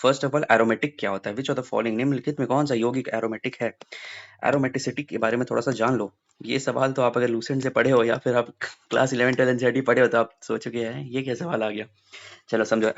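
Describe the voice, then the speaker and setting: Lively Hindi-English science teacher, man. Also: mid-range voice, lo-fi sound. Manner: lively, mixes Hindi and English, repeats key points. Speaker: exam coaching teacher. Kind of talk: explaining science exam questions to students.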